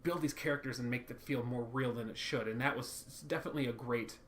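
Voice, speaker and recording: A man talks through a cartoon episode in a loose, rambling way, jumping into quoted lines with sudden energy. His voice has a bright, forward tone. He sounds like a co-host in easy, casual chat. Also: mid-range voice, fast, a little hiss or hum. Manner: rambling, animated, acts out quotes. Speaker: podcast co-host.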